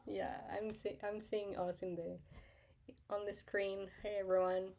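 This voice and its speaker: Woman hosting a livestream, slightly gravelly. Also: medium pitch, little pitch movement, unhurried, darkish tone. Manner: friendly, hesitant, many fillers. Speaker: livestream host. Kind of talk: casual livestream talk.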